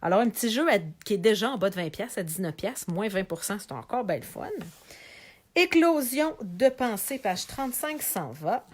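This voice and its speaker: Lively chatty Québécois woman. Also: medium pitch, normal speed. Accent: Québécois French. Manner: chatty, animated, talks to viewers directly. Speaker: craft product seller. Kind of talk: live video sales chat.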